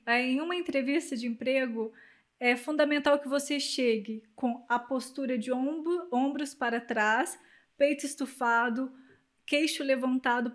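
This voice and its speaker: A woman with a Brazilian accent, a communication specialist giving emphatic, coaching advice in an interview. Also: sits high. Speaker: guest, communication specialist and public speaker.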